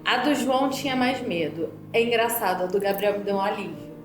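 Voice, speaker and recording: Lively Brazilian woman sharing memories. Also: medium pitch, a little fast. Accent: Brazilian Portuguese. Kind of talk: casual chat. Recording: roomy sound with music behind.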